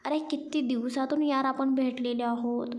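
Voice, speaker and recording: A woman's voice: high voice, steady tone, normal speed, a little mellow, lightly acted. A woman voicing a friendly young man coaxing his friend to stay.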